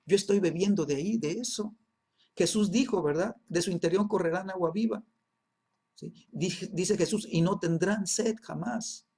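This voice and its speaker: Husky guy teaching bible class, keeps repeating stuff and asking "sí?". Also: sits high, moderate pace, a little mellow. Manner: peppers phrases with "¿sí?" and "¿verdad?", repeats himself for emphasis.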